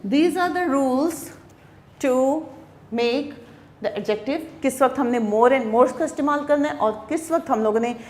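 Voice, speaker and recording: Pakistani woman English teacher, fairly high voice, unhurried lecture delivery, roomy echo. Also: darkish tone. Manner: explains slowly, spells out words letter by letter, often asks "theek hai". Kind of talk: classroom grammar lecture.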